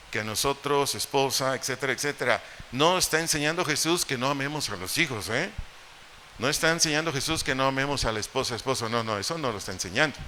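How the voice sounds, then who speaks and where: Bright-voiced Mexican pastor preaching. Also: male voice, mid-range voice. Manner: teaching, with rhetorical questions to the congregation and humorous asides. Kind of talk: sermon. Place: church hall. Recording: echoey church hall, faint noise.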